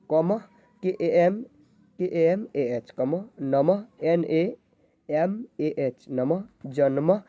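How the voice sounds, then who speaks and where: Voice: medium pitch, warm tone, dry recording, muffled recording. An online English teacher who spells words out letter by letter, keeps asking and answering their own questions, and often checks in with "okay, friends". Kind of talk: slow spelling-out lesson.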